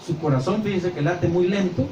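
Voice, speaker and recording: An older man preaching a sermon as pastor, animated, acting out voices and gestures as he tells the story. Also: sits high, moderate pace. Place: church hall. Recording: echoey church sound from far off with faint noise.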